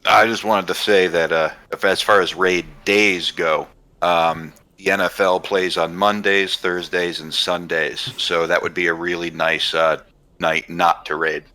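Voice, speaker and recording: A man's voice: deep voice, unhurried. A man chatting easily in a casual voice-chat guild meeting. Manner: easygoing, relaxed chatter. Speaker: guild member.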